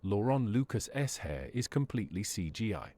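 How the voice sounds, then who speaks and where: A man's voice: fairly low pitch, sing-song, moderate pace, warm tone. A man doing a glitching robot. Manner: garbled, nonsensical machine announcements. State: glitching, spouting error messages. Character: malfunctioning male robot companion.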